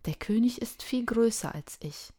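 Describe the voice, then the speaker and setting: A woman's voice: fairly high pitch, lively intonation, normal speed, dark tone, breathy edge. A woman voicing a fervent male prophet who calls out to crowds in a raised, emphatic voice, read from a children's storybook. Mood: urgent.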